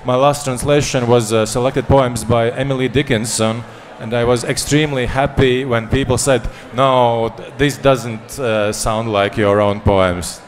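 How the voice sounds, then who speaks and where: A man's voice: medium pitch, steady tone, a little slow, hardly any pauses, soft background music. A man who is a poet and translator answering a panel question, hesitant and full of fillers, with dry humor. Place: panel session at a book fair.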